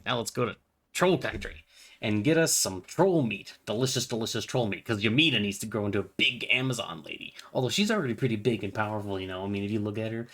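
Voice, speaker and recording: This gaming vlogger is a young man with a fairly low, fairly bright voice who talks fast. While gaming, he rambles about spiritual ideas in a playful, scattered way, full of fillers and side comments, easily losing focus.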